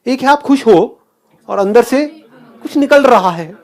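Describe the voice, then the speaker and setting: A man's voice: very high voice, lively intonation, a little slow. A man giving a motivational talk, asking the audience questions and mixing English phrases into his speech. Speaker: motivational speaker.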